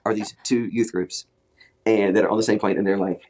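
Man, casual storytelling, husky voice, fast pace, lots of restarts. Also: fairly low pitch, fairly even intonation, darkish tone. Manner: rambling, with many restarts and acted quotes. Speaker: guest telling a story. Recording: played clip from a podcast.

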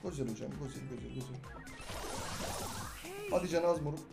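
A young man with a Turkish accent giving excitable live gameplay commentary, talking to teammates and viewers with sudden loud outbursts. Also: medium pitch, fairly quick, creaky. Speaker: gaming YouTuber. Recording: roomy sound with game music behind.

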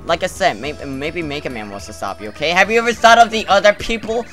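A man's voice: fairly high pitch, animated, fast talker. A young man joking and sarcastically commenting as he plays a game. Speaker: let's play commentator. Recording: game music behind.

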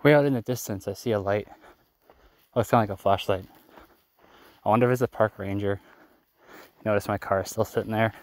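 Brisk but pausing often, a young Canadian man vlogs a night hike through the desert on his phone, self-mocking and rambling. His voice is on the low side and a little mellow, the recording is dry, and the hike has left him tired and slightly winded.

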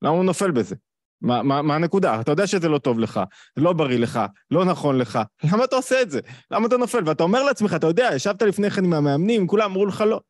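A man's voice: fairly high pitch, lively intonation, a little mellow, dry recording. Man posing rhetorical questions, dry sound. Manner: explanatory, poses rhetorical questions. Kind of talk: live online talk.

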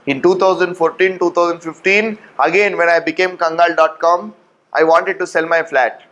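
A man in his thirties with an Indian accent, teaching in an animated storytelling way, repeating phrases and asking rhetorical questions. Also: a little high, moderate pace. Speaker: tax law teacher. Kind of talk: lecture with acted-out anecdotes. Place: indoor classroom at a whiteboard. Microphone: lapel mic.

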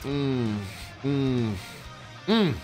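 A man bantering excitedly as he plays a game against a friend, exclaiming and repeating his phrases. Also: mid-range voice, very slow, soft background music. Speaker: gaming video host playing a battle against a friend.

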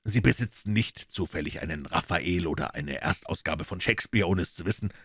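A man doing Sherlock Holmes, low and dry. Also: fairly bright tone, slightly rough, no room sound, full character voice. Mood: cool ironic. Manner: low, measured, dryly ironic. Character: Sherlock Holmes, cool calm detective, man.

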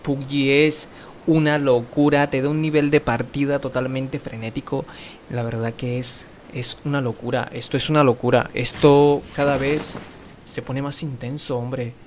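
Excitable man narrating his gameplay. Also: mid-range voice, moderate pace, slight background noise. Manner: excitable, swears, bursts into panicked shouts. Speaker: mobile game streamer. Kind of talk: live gameplay commentary.

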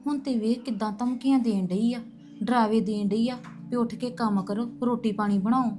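In a lightly acted web drama, an actress plays a scheming middle-aged mother, worried and resentful, who complains and conspires against her daughter-in-law. Her voice is a little high, mellow and fairly even, at a moderate pace, with soft background music.

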